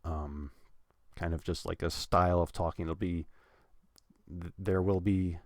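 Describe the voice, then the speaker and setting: Male pronunciation tutor, deep voice, halting casual delivery, dry recording. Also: fairly even intonation, no echo. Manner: hesitant, many restarts and fillers, trailing off quietly. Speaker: pronunciation teacher. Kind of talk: casual explanatory teaching.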